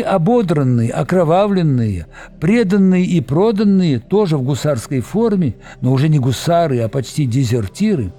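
Male audiobook narrator, expressive storytelling, fairly high voice, faint music.

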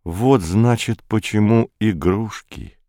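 A man voicing a young woman crew member who speaks slowly and deliberately in an audiobook. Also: lowish voice, mellow, no echo, clean studio sound. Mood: thoughtful.

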